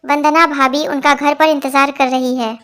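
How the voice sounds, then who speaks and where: High-voiced woman reading jokes. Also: moderate pace. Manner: reads every part in one even voice. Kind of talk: scripted joke reading.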